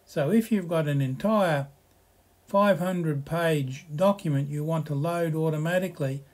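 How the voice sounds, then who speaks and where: A man with a somewhat higher-pitched voice talks through a software slideshow tutorial. He reads the slides aloud in a relaxed, explanatory way and adds friendly asides. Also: a little slow.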